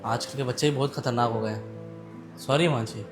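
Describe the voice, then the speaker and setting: A man acting as a hot-tempered husband and father, shouting at times and speaking softly when he apologizes, in a family drama skit. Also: mid-range voice, moderate pace, loud music behind the voice, close to an everyday voice. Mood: contrite.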